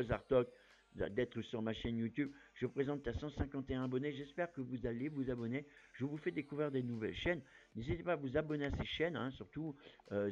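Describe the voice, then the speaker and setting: A man chatting casually as a YouTuber, rambling with plenty of fillers while giving shout-outs. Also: mid-range voice. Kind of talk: casual chat.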